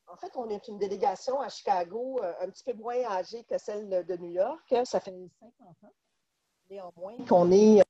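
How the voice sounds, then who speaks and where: A woman's voice: medium pitch, normal speed, warm tone, slightly rough, dry recording, highs cut off. A woman presenting as a trade delegate over a video call whose audio keeps cutting out and dropping away. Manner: hesitant, many fillers. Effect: choppy, dropping-out video call audio. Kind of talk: presentation in an online meeting. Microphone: computer mic on a video call.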